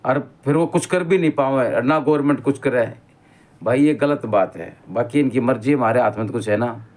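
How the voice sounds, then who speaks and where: A man's voice: mid-range voice, moderate pace, a little mellow. Rambling middle-aged Haryanvi man. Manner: rambling storyteller, keeps saying "bhai". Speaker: vlogger. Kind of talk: casual spoken monologue.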